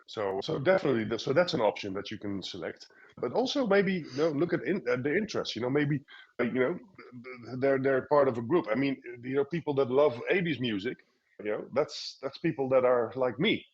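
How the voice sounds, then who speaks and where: Husky guy talking sales tips, stumbles and repeats words, dull lo-fi audio. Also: medium pitch, animated, fairly quick. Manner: repeats words often while explaining. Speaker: sales expert guest. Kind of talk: live online Q&A.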